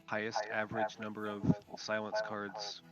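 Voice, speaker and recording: A man with a sick, tired voice, chatting casually and haltingly as a podcast co-host. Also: lowish voice, monotone, muffled recording, loud music behind the voice. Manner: rambling, halting with fillers. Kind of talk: casual chat about a card game.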